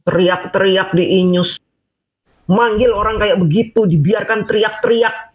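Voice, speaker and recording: A man's voice: high voice, unhurried, slight background noise. A man ranting to camera as an online commentator, scolding with sarcastic rhetorical questions. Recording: dull lo-fi audio.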